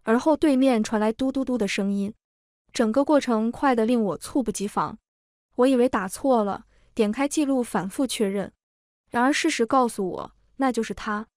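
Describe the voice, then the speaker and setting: A woman narrating a first-person emotional story in a steady, even reading voice. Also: a little high, moderate pace, no echo, studio quality.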